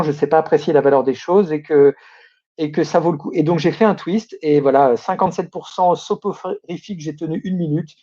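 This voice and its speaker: A man's voice: fairly high pitch, warm tone. Opinionated grumbling man, dull recording. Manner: opinionated, grumbling, many fillers and restarts. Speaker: domain name news host. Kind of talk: casual news commentary.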